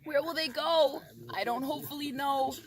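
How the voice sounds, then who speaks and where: A woman's voice: sits high, steady tone, moderate pace, voice pushed up, natural voice. A woman voicing an indignant old forest creature from a storybook, scolding and pleading in rhyme recited by rote.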